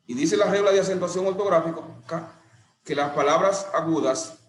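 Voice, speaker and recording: A middle-aged man teaching a lesson, explaining slowly and deliberately with a few restarts. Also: fairly high pitch. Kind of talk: classroom lesson. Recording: echoey room with faint ambience.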